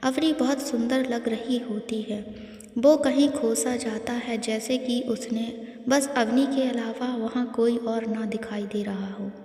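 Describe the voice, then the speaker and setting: A woman narrating a story in an even, unhurried storytelling manner, recorded in an echoey room. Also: on the high side. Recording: echoey room with long reverb.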